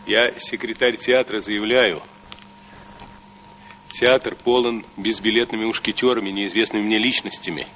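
An actor playing an alarmed theatre secretary who announces the news in an urgent, official way. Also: male voice, on the low side, steady tone, normal speed, fairly bright tone, slight background noise, lightly acted. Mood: alarmed, formal. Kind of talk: theatrical stage acting. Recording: dull lo-fi recording.

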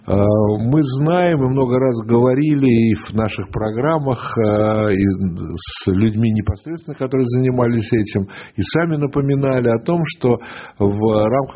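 Husky-voiced male radio host. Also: medium pitch. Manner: leisurely, searching for words, interjects. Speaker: radio talk show host. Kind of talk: conversational radio interview. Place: radio studio. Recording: dull lo-fi radio broadcast.

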